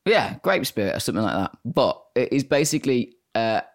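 A man's voice: medium pitch, sing-song, brisk. Young man, travel vlog co-host, laid-back, joking, casual chat.

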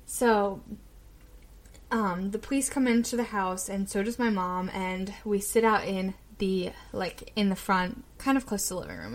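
Young woman telling a scary story. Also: mid-range voice. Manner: chatty, many fillers and restarts. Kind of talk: casual personal storytelling.

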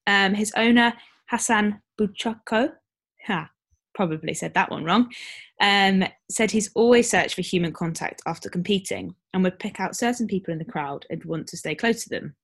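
A woman's voice: mid-range voice, moderate pace. A woman co-hosting a podcast in casual chat, reading out a news story with lots of fillers and laughs. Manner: chatty, laughs often, many fillers. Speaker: podcast co-host.

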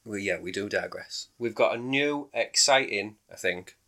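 Man co-hosting a podcast, bright forceful voice, slightly low, chatty, laughs easily. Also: lively intonation, normal speed. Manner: chatty, laughs readily, trails off mid-sentence. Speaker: podcast co-host. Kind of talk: casual chat.

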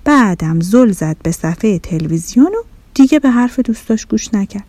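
A woman narrating a children's story in an expressive, animated storytelling manner, recorded close on a studio mic. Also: a little high, no echo.

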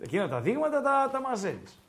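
A man hosting a casual podcast chat over a live match, giving betting picks with teasing remarks and drawn-out hesitations. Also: very high voice, wildly swooping pitch, a bit bright. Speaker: podcast host and betting tipster.

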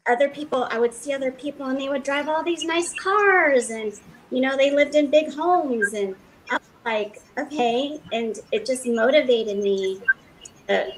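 A woman's voice: on the high side, a bit bright, slight background noise, rough recording. A woman from Los Angeles, a fashion designer, giving rambling interview answers full of fillers and restarts.

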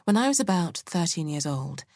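A woman reads a first-person essay in a measured, earnest way. Her voice is notably low for a woman. The sound is close and dry, with no room around it. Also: very animated, darkish tone, no room sound. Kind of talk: scripted audiobook essay reading.

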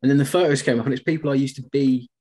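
A man co-hosting a podcast, chatty and telling stories with animated quoted asides. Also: mid-range voice, very fast, a little hiss or hum. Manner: chatty storyteller, animated quoting. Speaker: podcast co-host. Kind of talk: casual podcast chat.

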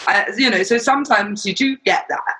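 A man with a fairly high, sharp and forceful voice that has a raspy edge. He chats casually and frankly, explaining his point and slipping into imagined quotes. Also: normal speed. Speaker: charity volunteer. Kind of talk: casual chat.

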